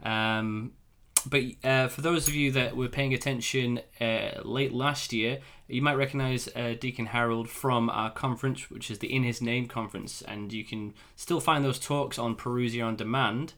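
A man hosting a live podcast interview, relaxed and hesitant with many fillers. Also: mid-range voice, moderate pace, hardly any pauses. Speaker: podcast host. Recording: background music under voice.

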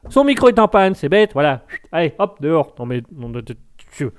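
A man's voice: on the high side, very animated, fairly quick, clear, resonant tone. Jokey, rambling man hosting a live show. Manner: jokey and rambling, with many restarts. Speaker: live stream host. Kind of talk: casual live chat reading viewer messages.

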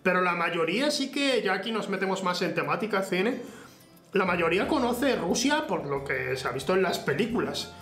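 A man's voice: high voice, sing-song, moderate pace, a bit bright. A young man from Spain hosting a casual chat, hesitant, filling gaps with "eh" and restarting his sentences. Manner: hesitant, lots of eh and restarts, laughs easily. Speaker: host. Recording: echoey room with faint music.

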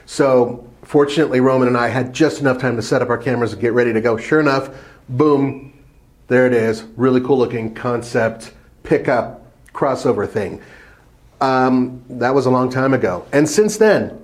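A man co-hosting a podcast, chatting casually and telling stories in an animated way. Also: medium pitch, moderate pace. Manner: animated storyteller. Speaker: podcast co-host. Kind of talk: casual chat about trucks.

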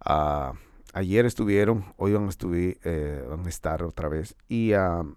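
A man's voice: deep voice, measured pace, darkish tone, smooth, dry recording, clean studio sound. A man delivering a casual, profane monologue. He talks in slang, swears freely, jokes and boasts, and laughs often. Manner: boastful and joking.

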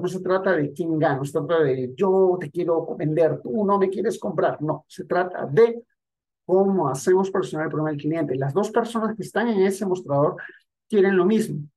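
A man's voice: a little high, fairly quick, darkish tone. A man teaching sales techniques in a direct, conversational monologue aimed at the listener. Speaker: sales coach. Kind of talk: instructional monologue.

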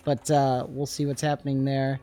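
A man hosting a tabletop game livestream, upbeat and quick to laugh. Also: mid-range voice, monotone, warm tone. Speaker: host. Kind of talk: livestream intro and chat.

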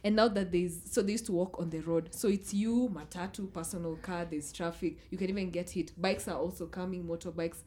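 A woman's voice: fairly low pitch, fairly even intonation, a little fast, hardly any pauses, darkish tone. A woman from Kenya with a Kenyan accent, talking casually as a panellist in a podcast discussion. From Eldoret, Kenya.

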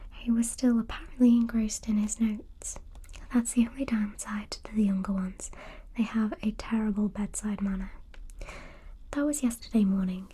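A woman reading a novel aloud in a breathy, mostly unvoiced ASMR whisper. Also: on the high side, mellow.

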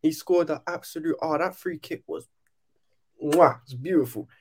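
A man's voice: a little high, moderate pace. A man with a London roadman accent trading casual football banter in slangy street talk as a panelist.

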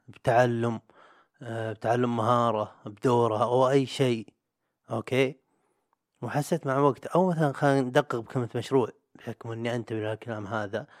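A man's voice: mid-range voice, darkish tone, no echo, clean studio sound. A young man, hosting a solo podcast in a rambling, chatty, self-mocking way. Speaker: podcast host. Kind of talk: solo casual podcast monologue.

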